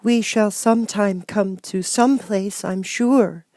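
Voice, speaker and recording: A man's voice: sits high, fairly even intonation, slow pace, a little mellow, no echo, pitched above the performer's own voice. A man voicing an earnest, curious young girl in a storybook reading. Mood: hopeful, earnest. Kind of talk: audiobook character voice.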